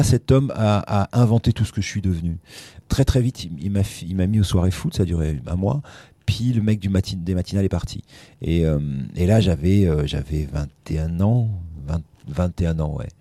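A middle-aged man with a low voice tells career stories in relaxed interview chat. He keeps restarting his sentences. The recording is dry and close, with no room sound. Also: fairly quick, no room sound. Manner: anecdotal storytelling with many restarts. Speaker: radio host recalling his career.

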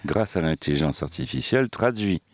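A man's voice: low-pitched, expressive, a little fast, no echo. A man hosting a casual interview, informal and enthusiastic. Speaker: interview host.

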